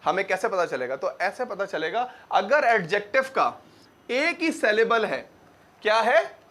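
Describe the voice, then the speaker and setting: A high-pitched young man teaches grammar in front of a class. He asks a question, answers it himself, and says key words slowly and more than once so students can follow. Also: big pitch swings, bright, forceful tone. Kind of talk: classroom lecture.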